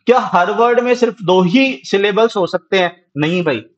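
Haryanvi guy teaching exam prep, high voice, kinda dull lo-fi sound, asks then answers his own qs. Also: normal speed. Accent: Haryanvi Hindi. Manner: explains in Hindi mixed with English terms, asks and answers his own questions. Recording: dull lo-fi recording.

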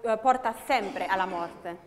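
A woman's voice: mid-range voice, slow pace. Woman, sermon interpreter, phrase-by-phrase, self-correcting, echoing hall. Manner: translates phrase by phrase, often correcting herself mid-phrase. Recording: long hall reverb.

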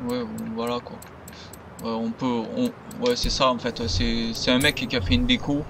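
A man's voice: mid-range voice, flat delivery, normal speed, background noise. A man giving loose, rambling commentary over his gameplay as a gaming video creator.

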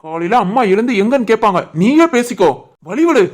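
Casting: woman playing a hot-tempered young husband in a cartoon, Tirunelveli Tamil accent, fairly high voice, scolding. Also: lively intonation, brisk, darkish tone. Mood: angry. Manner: scolding, stern. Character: young husband and son, short-tempered man. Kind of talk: animated family drama voicing.

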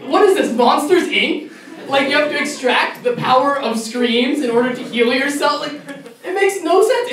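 Ranting in mock outrage during a college club stand-up show, this young adult man has an extremely high-pitched, slightly bright voice. The recording carries room echo and faint noise, with the mic placed far away.

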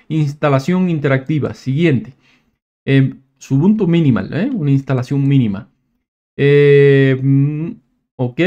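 A man's voice: medium pitch, darkish tone, lo-fi sound. Man thinking aloud through a tech walkthrough. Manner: thinking aloud, hesitant with frequent restarts. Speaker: tech tutorial presenter. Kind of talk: casual screen-recorded walkthrough.

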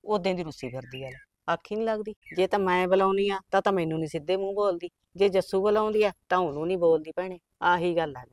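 A woman's voice: lowish voice, fast, no room sound, studio quality, natural voice. A woman with a Malwa Punjabi accent acting as a middle-aged village aunt who is raising her orphaned niece, talking plainly and confidingly. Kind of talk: village short film acting.

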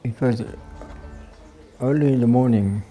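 A man's voice: medium pitch, measured pace, dark tone, faint music behind, poor audio. An older man in an indoor interview, telling a story and acting out the dialogue. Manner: anecdotal, acts out quoted dialogue. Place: indoor office with bookshelves.

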